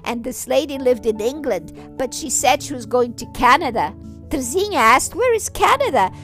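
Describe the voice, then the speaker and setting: A woman telling a story in a homely, halting way, retelling each part twice. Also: high-pitched, fairly bright tone, faint music behind. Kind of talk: bilingual oral storytelling.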